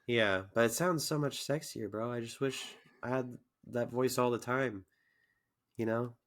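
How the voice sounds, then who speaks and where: A man's voice: mid-range voice, steady tone, a little slow, fairly bright tone. A young man co-hosting a casual podcast, sick with a phlegmy cough, joking and teasing his friend. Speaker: podcast co-host. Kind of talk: casual banter.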